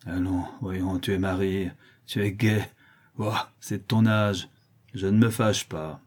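A brutal blind old brigand, played by a man in a storybook reading. His low, dark voice growls with bitter menace and a husky grain. He sounds worn down and full of hatred. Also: fairly even intonation, normal speed. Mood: wheedling.

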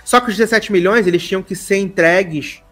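A man's voice: high-pitched, fairly quick. A man from Brazil on a podcast, retelling a film plot in casual chat and acting out the lines of its characters. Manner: animated storyteller acting out dialogue voices. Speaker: podcast co-host.

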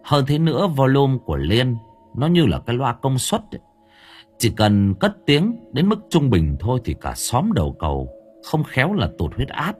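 Lively male audiobook narrator. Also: mid-range voice, moderate pace, husky. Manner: lively storytelling with colloquial humor. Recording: faint music behind.

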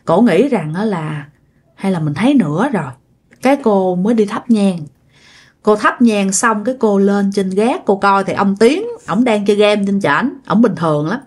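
A woman's voice: mid-range voice, lively intonation, moderate pace, darkish tone, husky. A woman narrating a ghost story in a conversational way, speaking directly to her listeners.

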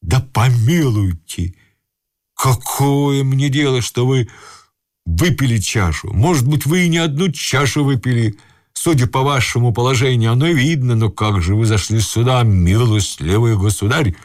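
A man voicing a fussy, irate old husband who blusters and shouts at an intruder. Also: mid-range voice, big pitch swings, measured pace, few pauses. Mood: blustering.

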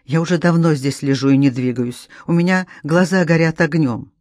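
A woman's voice: low-pitched, moderate pace, a little mellow, no echo, studio quality, close to an everyday voice. Woman doing a weak, weary woman murmuring. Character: exhausted woman swimmer, weak and faintly irritated.

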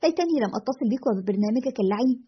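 A woman's voice: a little high, expressive, very fast, husky. Woman doing a frightened young woman caller. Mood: anxious. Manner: anxious, pleading. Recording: dull lo-fi recording.

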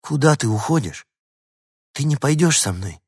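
A man voicing an eager, kind young girl in a storybook reading, coaxing and bright. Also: medium pitch, lively intonation, normal speed, breathy edge, no room sound, studio quality, voice pushed up.

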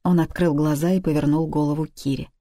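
Woman, audiobook narrator, steady even storytelling, lowish voice, dry close sound. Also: quick pace, no echo. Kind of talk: audiobook reading.

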